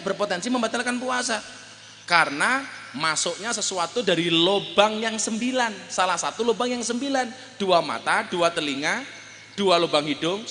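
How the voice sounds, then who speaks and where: A man preaching a comedic sermon, jokey and animated, shouting punchlines and making sound effects. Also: sits high, a little hiss or hum. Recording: long hall reverb.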